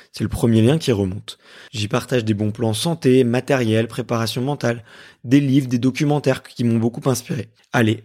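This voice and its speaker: A man's voice: mid-range voice, dark tone, husky. A man hosting a podcast interview in a guest's living room, who asks circling, hesitant questions. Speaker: podcast host.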